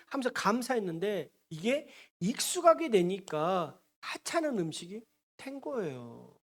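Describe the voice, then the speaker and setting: A male pastor preaching a sermon, animated and often asking the congregation questions. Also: extremely high pitch.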